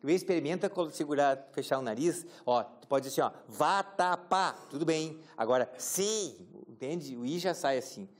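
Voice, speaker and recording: Guy teaching a class, jokey, keeps asking the room questions, kinda high voice. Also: expressive, a little fast, few pauses, darkish tone. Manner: casual, joking, asks the class questions. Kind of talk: classroom lecture.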